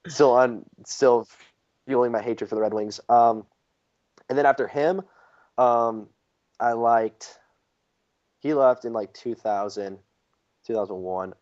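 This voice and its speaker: A man's voice: on the low side, darkish tone. Rambling young man on lo-fi audio. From St. Louis area. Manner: rambling storyteller with frequent fillers. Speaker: podcast co-host. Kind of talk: casual chat. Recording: dull lo-fi podcast audio.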